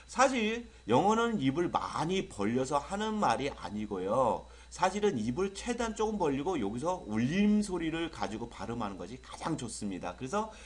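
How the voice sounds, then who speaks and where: A man's voice: fairly high pitch, sing-song, normal speed, hardly any pauses. A man teaching pronunciation in an online lecture, repeating drill words and asking his students rhetorical questions.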